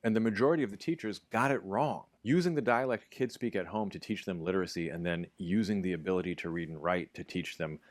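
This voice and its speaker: A man's voice: sits low, quick pace, few pauses, dry recording. A man presenting a scripted linguistics explainer in an articulate, academic way with dry humor.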